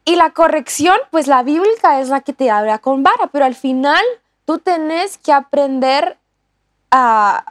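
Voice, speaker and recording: A woman talks through a lesson earnestly, pausing and restarting often. Her voice sits high, and the sound is close and dry. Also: animated, no room sound. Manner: earnest, many restarts and fillers. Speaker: co-host teaching on discipleship. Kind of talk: casual teaching talk.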